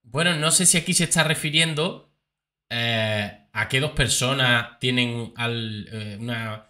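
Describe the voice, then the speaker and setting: A man's voice: medium pitch, a little slow, pushed and bright. A man giving chatty commentary on reality-show clips, with many fillers and repeats. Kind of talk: casual commentary.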